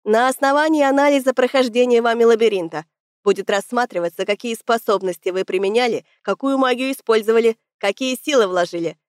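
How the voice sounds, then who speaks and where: A woman's voice: fairly high pitch, a little fast, no echo, studio quality, close to an everyday voice. A woman voicing a strict female officer. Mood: businesslike. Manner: curt, commanding.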